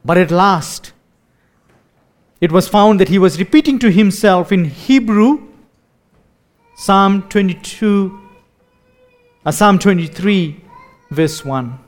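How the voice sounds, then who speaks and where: Man preaching, high voice, unhurried delivery, dramatic readings that sink to a hush. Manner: repeats words when speaking off the cuff. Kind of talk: sermon.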